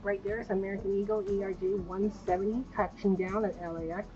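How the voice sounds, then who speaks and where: A woman's voice: mid-range voice, flat delivery, quick pace. A woman giving casual live commentary as a plane-spotting vlogger. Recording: dull lo-fi audio, music behind.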